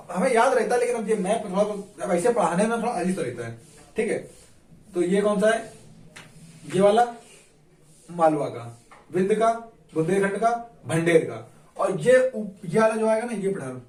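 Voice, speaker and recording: A man teaches a casual map lesson in a high-pitched, darkish voice. He keeps quizzing the students and supplying the answers himself, and the recording has an echoey room, a distant mic, and faint noise.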